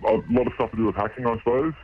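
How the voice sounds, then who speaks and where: An anonymous male caller, his voice disguised and pitched down low, giving brief, hesitant answers. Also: racing, dull audio, over loud music. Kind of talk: casual phone-in chat.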